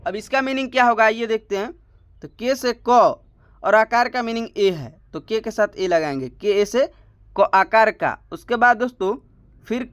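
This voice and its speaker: A man teaching a step-by-step spoken lesson, slow and repetitive, often asking a question and then answering it himself. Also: high-pitched, a bit bright, clear, resonant tone, no room sound, studio quality.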